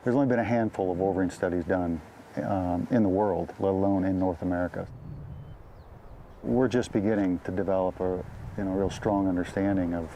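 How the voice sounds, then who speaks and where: A man's voice: low voice, fairly even intonation, fairly quick, dark tone, dull audio, a little hiss or hum. A man speaking informally as a wildlife biologist in a documentary interview.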